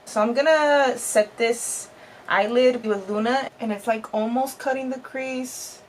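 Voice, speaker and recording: A woman's voice: fairly high pitch, unhurried, a little hiss or hum. A woman in her thirties chatting to viewers in a casual makeup tutorial vlog at home, talkative and bubbly. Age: 30s. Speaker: beauty vlogger.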